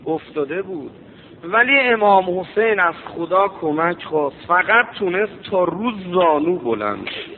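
A man's voice: high-pitched, slight background noise. A man preaching a mourning sermon, chanting and rising to impassioned cries. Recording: tinny phone-like sound.

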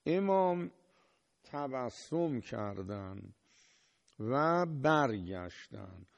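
A man's voice: mid-range voice, sing-song, creaky, no echo, dull audio. A man preaching a sermon, retelling a story with emphatic rises.

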